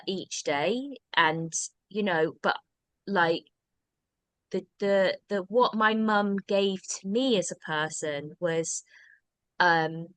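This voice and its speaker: British woman, podcast guest, rambling casual storytelling, bright tone, dry sound. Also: fairly low pitch, clear, resonant tone, no echo. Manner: rambling, with restarts and "like". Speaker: guest, drama workshop founder.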